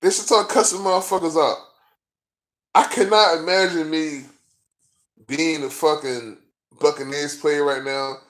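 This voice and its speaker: A man's voice: fairly high pitch, a bit bright. A man vlogging as a sports fan, ranting in a profane, frustrated and rambling way, full of fillers. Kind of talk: casual rant to camera.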